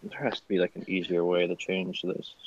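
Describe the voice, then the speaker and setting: Low-voiced man playing a tabletop game. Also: flat delivery, a little fast, a little hiss or hum. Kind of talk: casual game chat. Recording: dull, lo-fi voice chat.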